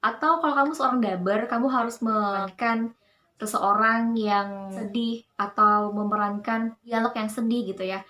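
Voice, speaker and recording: Upbeat young woman with a light high voice. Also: steady tone, moderate pace, sharp tone. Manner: cheerful, upbeat, explanatory. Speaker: voice-over coach and channel host. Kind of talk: casual tutorial talk.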